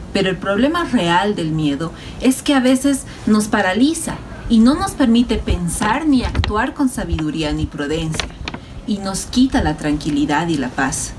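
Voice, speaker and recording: A woman's voice: mid-range voice, slight background noise. A woman teaching a Sunday school lesson, speaking animatedly to children. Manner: warm, animated, addresses children.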